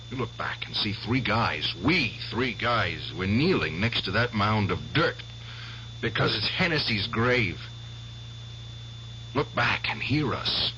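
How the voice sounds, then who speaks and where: An actor with a lowish voice fully commits to a character voice as an obsessed, vengeful male Korean War veteran in a 1970s radio drama. He sounds intense and insistent, swinging between loud and soft. The audio is a dull old radio broadcast with hiss.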